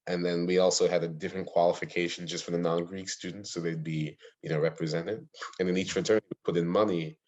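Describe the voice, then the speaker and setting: A man's voice: sits low, flat delivery, fast talker, a little mellow. A young man from Ohio, a podcast guest on a video call, telling stories eagerly with many fillers. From Ohio, USA. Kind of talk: casual interview chat. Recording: dull lo-fi call audio.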